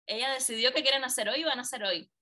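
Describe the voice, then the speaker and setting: In a high-pitched, rapid-fire delivery, a woman guest tells a personal story in conversation. She's animated, playing out the quoted dialogue herself.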